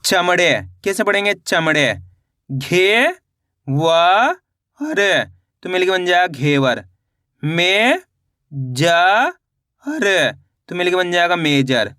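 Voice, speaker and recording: A man teaching Hindi reading with a high, bright voice, sounding syllables out one by one and then asking how the word is read. His voice is smooth and crisp, recorded close and dry with no room sound. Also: big pitch swings, no echo. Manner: slow, patient syllable-by-syllable spelling with repeated questions to viewers. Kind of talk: online reading lesson.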